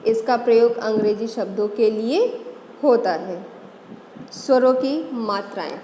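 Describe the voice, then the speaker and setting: Female teacher, high-ish voice, very slow and methodical delivery, echoey room with long reverb. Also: warm tone, slight background noise. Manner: slow, methodical, spells out letters one by one. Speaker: Hindi teacher. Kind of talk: classroom grammar lesson.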